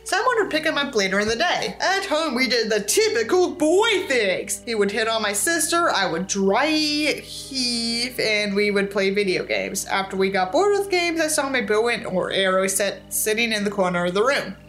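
On the high side with lively intonation, this young book reviewer reads at a moderate pace with hardly any pauses and a bit of brightness, over soft background music. Performing a novel theatrically, she voices dialogue in raised tones and tosses in sarcastic, sweary remarks from in front of a tinsel backdrop indoors.

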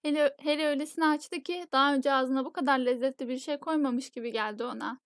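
A woman reads a novel aloud as an audiobook in steady, measured storytelling. Her voice sits high, and the recording is dry and close with no room sound. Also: no room sound. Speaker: audiobook narrator. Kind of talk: audiobook narration.

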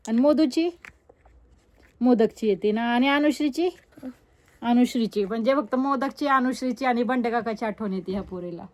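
A woman's voice: fairly high pitch, normal speed, a little mellow. A young woman, chatting casually in a family vlog and teasing the kids. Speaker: vlogger.

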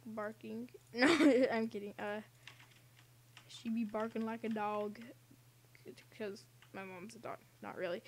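A young woman casually commenting on a game she is playing, rambling and giggling with silly asides, recorded at home. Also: fairly high pitch. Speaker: gaming channel host.

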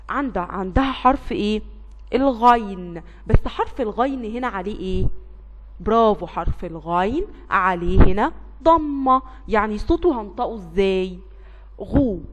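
A woman's voice: fairly high pitch, in a large hall, a little hiss or hum. A young woman with an Egyptian Arabic accent teaching a children's phonics lesson, patiently drawing out letter sounds and encouraging the class.

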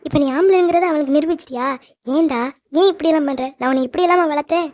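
A woman's voice: high-pitched, fast, a little mellow, no room sound, clean studio sound, lightly acted. A woman voicing a middle-aged mother who scolds her son in a cartoon drama, in a reproachful, pleading way.

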